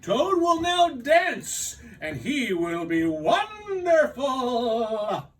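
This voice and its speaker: A man's voice: extremely high pitch, wildly swooping pitch, extremely slow, recorded from a distance, voice pushed up, heavily acted. A man voicing a strange, pompous stage announcer in a storybook, proclaiming grandly and stretching out each word.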